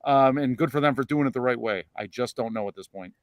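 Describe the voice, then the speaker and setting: Measured, halting male podcast co-host. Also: mid-range voice, no echo. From United States. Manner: measured, halting, many restarts and "uh". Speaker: podcast co-host, lawyer and former police officer. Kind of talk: casual panel discussion.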